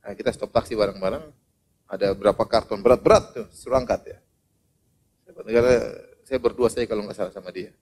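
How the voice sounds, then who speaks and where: A man's voice: lowish voice, a little fast. A man preaching an Islamic sermon with humorous storytelling, acting out the voices of the people in his stories. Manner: animated, humorous, acts out quoted voices.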